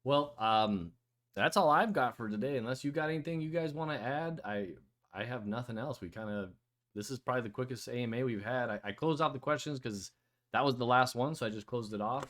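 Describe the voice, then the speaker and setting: A man's voice: mid-range voice, a little fast, a bit bright. A man hosting a casual online voice chat, talking loosely with many fillers and restarts. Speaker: host of a community AMA.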